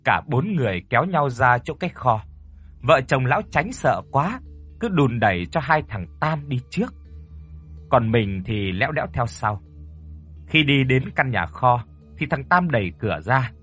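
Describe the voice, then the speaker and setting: A husky-voiced man tells a ghost story with dramatic flair. His pitch moves lively up and down, and soft music plays faintly behind him. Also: moderate pace.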